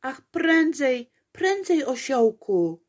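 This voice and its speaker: A woman's voice: on the high side, takes it slowly, darkish tone, slightly rough, pitched above the performer's own voice. A woman voicing a fussy little princess who frets and exclaims breathlessly. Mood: urgent. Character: fussy little princess girl, easily worried.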